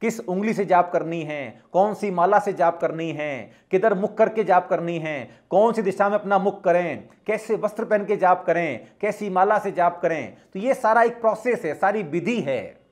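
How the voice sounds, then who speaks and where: Man teaching in a slightly high voice. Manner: measured, instructive, repeats key points. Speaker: spiritual teacher. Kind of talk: spiritual teaching talk.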